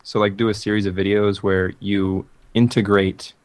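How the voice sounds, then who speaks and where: A man's voice: fairly low pitch, little pitch movement, moderate pace, no echo. A young man in a casual gaming chat, reflective and thinking aloud. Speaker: gaming YouTuber, co-host.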